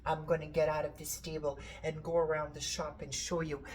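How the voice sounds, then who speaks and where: Her voice sits low with a darkish tone, and she talks briskly with flat delivery. She's a Portuguese-accented antiques seller from Portugal, enthusiastically showing her shop's pieces in a casual show-and-tell and rambling now and then.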